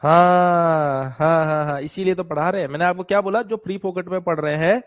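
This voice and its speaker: A physics teacher in a live online class, a man with a fairly high voice. He talks in a chatty, teasing way and often breaks into little impressions of students and newsreaders. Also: fairly quick.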